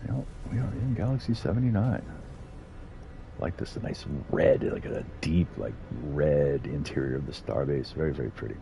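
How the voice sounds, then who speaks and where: A man's voice: a bass voice, lively intonation, normal speed, creaky, mellow, slight background noise. A middle-aged man chatting casually as he streams a game, rambling with fillers and small chuckles. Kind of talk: casual gameplay commentary.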